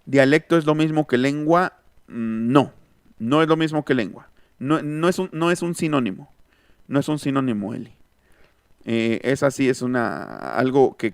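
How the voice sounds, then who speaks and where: A man's voice: medium pitch, clean tone, no room sound. A man with a Mexican accent teaching an online linguistics class, thinking aloud and answering students' comments as he goes. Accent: Mexican Spanish. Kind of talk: online lecture. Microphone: close mic, online class.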